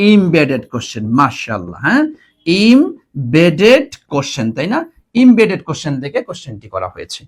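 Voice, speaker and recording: Brief: young male tutor, high bright voice, very animated delivery, live exam-prep class, keeps checking in with students. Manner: animated, coaxing students with repeated questions; mixes English phrases into his explanation. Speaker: English teacher. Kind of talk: live online admission-prep lesson.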